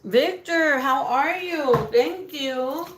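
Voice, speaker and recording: A livestream host with a raspy, high, slightly bright voice reads viewer comments at a slow pace. She chats casually, greets viewers by name, giggles often, and mixes Spanish words into her speech.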